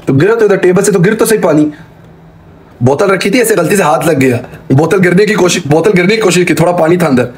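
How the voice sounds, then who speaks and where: A man's voice: sits high, slight background noise. Muttering middle-aged man live-streaming. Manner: rambling, muttering to himself while fiddling with cables. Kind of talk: casual live-stream chatter.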